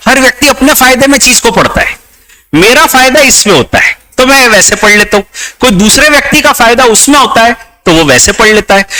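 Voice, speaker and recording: A man's voice: extremely high pitch, pushed and bright, poor audio. A man with an Indian accent teaching a class, explaining law through examples and switching between Hindi and English. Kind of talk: classroom lecture.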